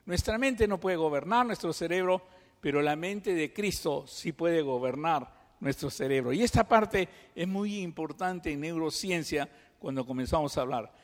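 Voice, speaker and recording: A man from Peru with a Peruvian Spanish accent, preaching a sermon and teaching through lively examples and rhetorical questions. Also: a little high, normal speed. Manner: animated storytelling, acts out examples, rhetorical questions. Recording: long hall reverb.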